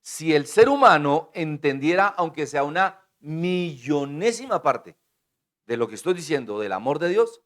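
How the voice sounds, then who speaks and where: A man preaching a sermon to his congregation, swinging between booming declarations and hushed asides and calling on the listeners to repeat his words. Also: big pitch swings, measured pace. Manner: calls on the congregation to repeat and respond. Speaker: pastor.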